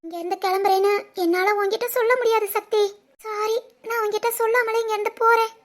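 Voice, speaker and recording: A woman voicing a young woman in an animated family story, once spoiled and now remorseful, speaking in a soft, wistful way with a Tirunelveli Tamil accent. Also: very high voice, fast talker. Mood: regretful.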